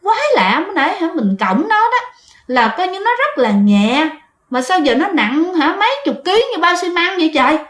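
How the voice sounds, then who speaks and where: A woman's voice: very high-pitched, very animated, a bit bright, voice pushed up, full character voice. A woman voicing a drunk, boastful middle-aged man who drags out his words and brags that he fears nothing. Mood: puzzled. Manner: slurred, drawn-out drunken bragging. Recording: roomy echo.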